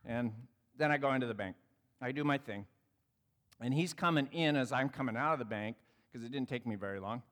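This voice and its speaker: A man's voice: medium pitch, fairly quick, fairly bright tone, big-room sound. A man telling a personal story in a conversational, sermon-like talk, acting out the voices in it. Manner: reflective, conversational, acts out quoted dialogue.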